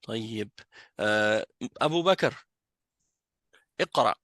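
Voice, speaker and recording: A man's voice: on the low side, animated, unhurried, fairly bright tone, no echo. A man teaching an Arabic class in French, patiently explaining and correcting students. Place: mosque classroom.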